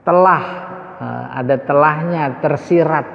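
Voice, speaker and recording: A man's voice: fairly high pitch, a little slow, gravelly. A man teaching an Arabic grammar lesson in a mosque, quizzing his listeners with informal asides. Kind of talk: religious study lesson. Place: mosque hall. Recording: echoey hall, dull lo-fi sound.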